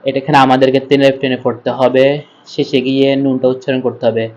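A man teaching a recitation lesson, spelling out letters one by one and then chanting the verses slowly. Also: mid-range voice, flat delivery, darkish tone. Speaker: Quran reading teacher.

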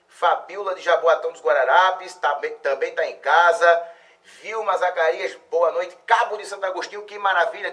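A man's voice: a little high, distant mic. A man, a geography teacher hosting an exam-prep live stream, chatty and effusive as he greets viewers. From Salvador, Bahia, Brazil. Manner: chatty, effusive, lively exclamations. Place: plain bright indoor studio.

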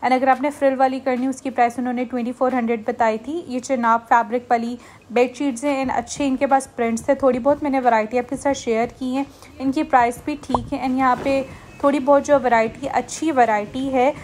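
High-voiced chatty woman. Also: fairly even intonation, fairly quick, darkish tone. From Pakistan. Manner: chatty, friendly, addresses viewers directly. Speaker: shopping vlogger. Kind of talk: casual voice-over narration.

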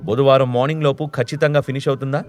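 A man's voice: mid-range voice, steady tone, racing, a little mellow, soft background music, lightly acted. A man voicing a young male company owner who gives firm orders but stammers when nervous.

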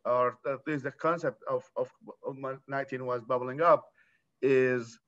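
A man in his thirties from Iraq speaking as a panelist on a video call, earnest and halting with restarts. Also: mid-range voice, steady tone, a bit bright. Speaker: panelist, nonprofit founder. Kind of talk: conference panel talk. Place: room at home. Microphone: laptop webcam on video call. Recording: dull lo-fi video call audio.

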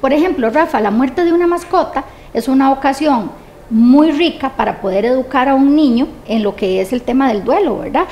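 A woman, a guest expert on grief, answering interview questions in a calm, measured way and often checking in with a tag question. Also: sits high, lo-fi sound. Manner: calm, measured, often ends points with "¿verdad?".

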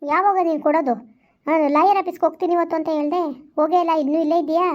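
A hurt, jealous young woman, played by an actress, scolding in quick, high bursts. Her tone is reproachful and stubborn. The sound is dull and lo-fi, as in a homemade village skit. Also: fairly even intonation. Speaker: amateur skit actor. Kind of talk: village vlog skit acting.

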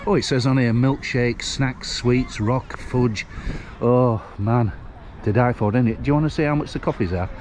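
Strolling along a seafront street with a handheld camera, a Northern English vlogger in his sixties chats casually and meanders from thought to thought. He speaks at a normal speed in a mid-range, somewhat mellow voice, and there's a faint hiss or hum.

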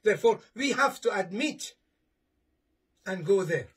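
Recorded by a camera a few steps in front of him, a husky high-voiced imam preaches a Friday sermon with lively intonation at a measured pace. He is earnest and repetitive, with many restarts, gesturing as he reads from papers in a bookshelf-lined study.

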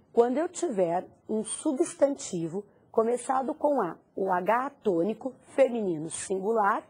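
A woman's voice: fairly high pitch, mellow, husky. A woman teacher giving a recorded language lesson, putting questions to the student and answering them herself. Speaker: Spanish teacher.

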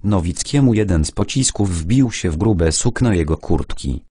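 Deep husky male audiobook narrator. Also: expressive, normal speed, warm tone, dry recording, studio quality. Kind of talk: audiobook narration reading all characters.

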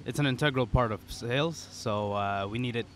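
A young startup founder, appearing as an interview guest, explains things casually in a medium-pitched, slightly bright voice at a fairly quick pace. The conversational interview is recorded on a boom-arm podcast microphone at an outdoor pop-up podcast booth during a conference, with faint outdoor event ambience behind him.

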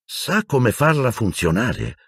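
A man voicing a suspicious, upset teenage boy wizard in an audiobook, speaking in sharp, accusing outbursts. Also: low voice, wildly swooping pitch, moderate pace, husky, no echo, clean studio sound, heavily acted.

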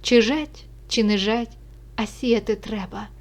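A woman's voice: medium pitch, unhurried, lightly acted. A woman voicing a stern, worldly old Cossack father who gives firm, instructive advice to his son.

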